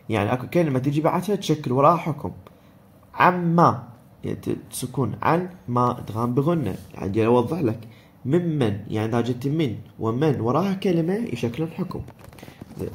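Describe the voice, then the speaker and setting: A man with an Iraqi Arabic accent gives a recorded lesson, walking through each rule in turn. He poses questions and answers them himself, at a middle pitch. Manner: explains step by step, asks and answers his own questions. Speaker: teacher. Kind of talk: recorded lesson on Quran recitation rules.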